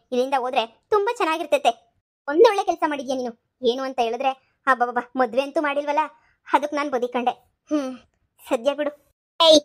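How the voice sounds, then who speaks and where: A woman voicing a scheming, sharp-tongued middle-aged mother-in-law who scolds and taunts. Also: sits high, close to an everyday voice. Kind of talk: cartoon comedy voice acting.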